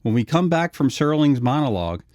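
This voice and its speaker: A man's voice: mid-range voice, sing-song, fairly quick, a little mellow, dry recording, studio quality. A man narrating a scripted retrospective video essay.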